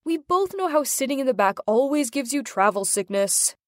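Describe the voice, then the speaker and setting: A woman's voice: sits high, sing-song, normal speed, no echo, clean studio sound. A woman voicing a pushy teenage boyfriend who coaxes and pleads. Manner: pleading, coaxing.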